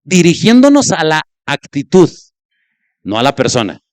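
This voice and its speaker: A man's voice: huge pitch swings, normal speed, no echo, studio quality. A male pastor preaching a sermon, acting out conversations as examples. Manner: illustrates points by acting out spoken exchanges, with sudden pitch jumps.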